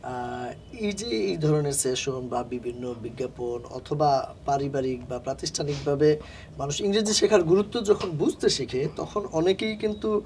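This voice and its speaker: A man's voice: on the high side, moderate pace, darkish tone, a little hiss or hum. A man hosting an interview, asking long questions hesitantly with fillers. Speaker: interview host.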